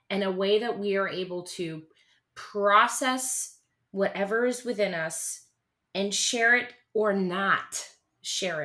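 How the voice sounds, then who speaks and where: A woman in her thirties, a country singer-songwriter, speaking earnestly and haltingly as an interview guest, with many restarts. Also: mid-range voice, fairly bright tone. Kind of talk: candid interview conversation.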